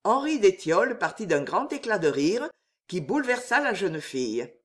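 A woman's voice: mid-range voice, sing-song, normal speed. A woman narrating a historical novel aloud in a theatrical, heavily inflected manner. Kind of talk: dramatic audiobook narration.

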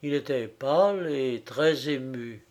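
A man narrating classic fiction in a measured, expressive audiobook reading. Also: medium pitch.

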